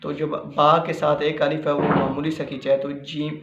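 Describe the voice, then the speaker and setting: A man from Pakistan teaching Quran reading in a slow spoken lesson, patiently repeating each point and sounding out the letters. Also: on the high side, monotone, fairly bright tone, slight background noise. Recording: muffled echoey room recording.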